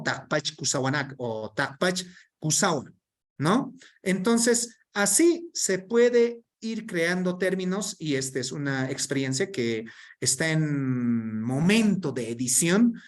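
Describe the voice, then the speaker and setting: A man presenting an online workshop, reading through a term list in an explanatory way and often checking in with tag questions. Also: on the high side.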